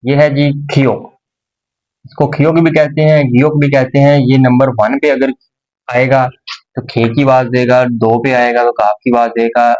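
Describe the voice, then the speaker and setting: A man teaching a language lesson, explaining slowly and patiently with pauses and repetitions. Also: mid-range voice, a little mellow, highs cut off.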